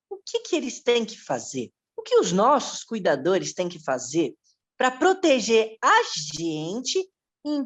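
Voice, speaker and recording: A woman voicing a curious, polite young boy who interviews guests on a children's show. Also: medium pitch. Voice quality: childlike, wide-eyed and earnest.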